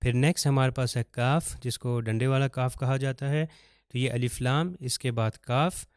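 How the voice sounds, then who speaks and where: Male recitation teacher, patient explainer, resonant clear tone, dry close-miked sound. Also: medium pitch, steady tone, no room sound. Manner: explains patiently, slows to chant Arabic examples. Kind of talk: step-by-step recitation lesson.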